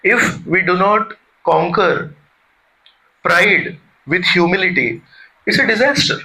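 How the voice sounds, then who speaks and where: A man's voice: high voice, lively intonation, slow pace, vocal fry, pushed and bright, poor audio. A man giving a conversational devotional talk, often putting questions to his listeners. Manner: conversational, asks the audience questions. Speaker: spiritual teacher.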